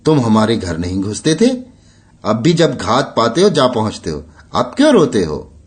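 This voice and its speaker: A man's voice: lowish voice, sing-song, normal speed. A man voicing a blunt, wary male peon who warns his neighbor. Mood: warning. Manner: blunt, warning.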